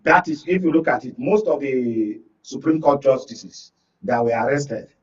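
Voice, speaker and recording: Appearing as a guest analyst on a talk show, a Nigerian man argues political points with emphasis, frequently making sure his listeners are following. He speaks at normal speed in an expressive, mid-range voice, captured in muffled, distant-sounding studio audio.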